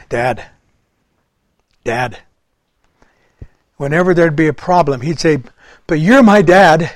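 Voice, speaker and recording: An earnest middle-aged man preaching, his voice pitched a little high. He swells loud and then drops soft, and the sound is close and dry with no room around it. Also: no echo. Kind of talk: sermon.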